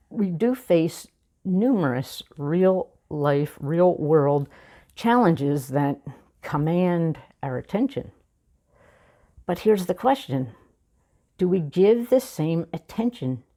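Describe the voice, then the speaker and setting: A woman minister giving a sermon, telling a personal story in a reflective way with measured pauses. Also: sits low, dark tone.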